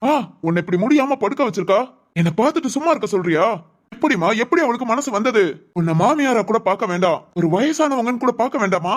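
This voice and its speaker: A woman's voice: a little high, expressive, fast talker. A woman voicing a hot-headed, protective adult son in a family cartoon, ranting indignantly. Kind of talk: Tamil family cartoon voice acting.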